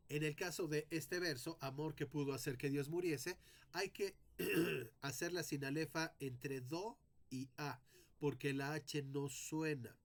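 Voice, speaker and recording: A man teaching a lesson on poetic meter, speaking deliberately and sounding out syllables one by one as he explains. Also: a little high. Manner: addresses students directly.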